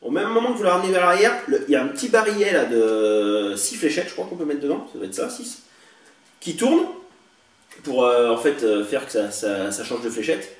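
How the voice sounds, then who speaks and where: Chatty but hesitant and heavy on fillers, the toy-collector vlogger casually shows off blasters he bought, speaking a little fast in an expressive, slightly high voice. His camera mic is distant, in an echoey indoor room with faint hiss.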